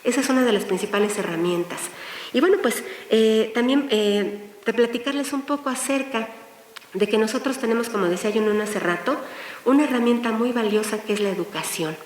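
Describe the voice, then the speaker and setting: A woman's voice: fairly high pitch, fairly quick. A woman speaking at a women's forum, addressing a live audience and guiding them through a visualization exercise. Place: hall with an audience. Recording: echoey hall, far from the mic, faint hiss.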